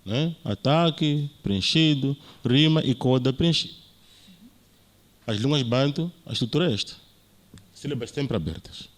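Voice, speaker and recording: A man's voice: mid-range voice, lively intonation, a little slow. A man with a Mozambican Portuguese accent, a university lecturer giving an academic talk and explaining points with frequent tag questions.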